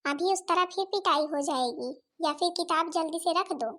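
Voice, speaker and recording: A scheming, shrewish aunt in a cartoon, played by a woman, scolding and sarcastic in a very high, shrill voice. Her Awadhi accent colors every sharp remark. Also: moderate pace. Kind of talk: cartoon voice acting.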